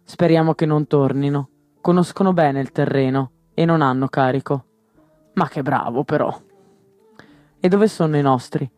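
A man's voice: fairly high pitch, moderate pace, darkish tone, dry recording, soft background music, lightly acted. A man voicing a shrewd, brash male smuggler in a novel reading, blunt and slangy.

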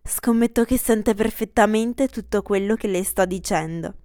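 A woman's voice: medium pitch, moderate pace, warm tone, no echo, clean studio sound, lightly acted. A woman voicing a prying young woman who speaks with mock concern and insinuation. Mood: needling.

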